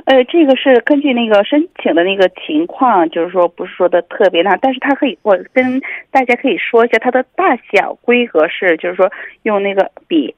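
Tinny telephone sound, woman, official guest, medium pitch, dry, halting explanatory delivery. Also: expressive, no room sound. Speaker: city official, phone guest. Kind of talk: explanatory phone interview. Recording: tinny narrow phone line.

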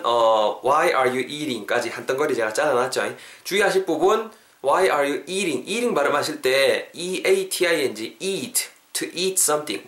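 A man, hosting a podcast English lesson and repeating phrases slowly for listeners to drill. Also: mid-range voice, fairly bright tone, roomy sound. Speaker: English teacher, podcast host.

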